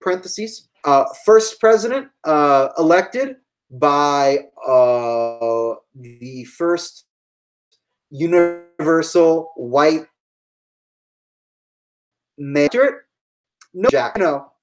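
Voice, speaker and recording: A woman's voice: low voice, animated, drawn-out words, pauses often, poor audio. A woman giving a live-streamed history lecture to online students, thinking aloud with fillers and asides.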